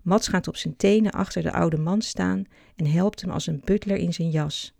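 A narrator calmly reading a children's story aloud. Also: mid-range voice, moderate pace, gravelly, no room sound, clean studio sound.

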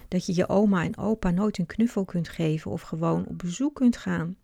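A woman's voice: lowish voice, moderate pace, gravelly, mellow, no echo. A woman reading a children's story aloud, voicing an eager, mischievous little girl. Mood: musing.

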